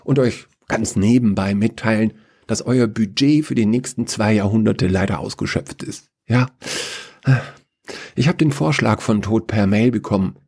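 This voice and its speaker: A man's voice: on the low side, normal speed, creaky, darkish tone, husky. A man voicing a breezy young woman administrator who speaks in a chirpy, offhand way.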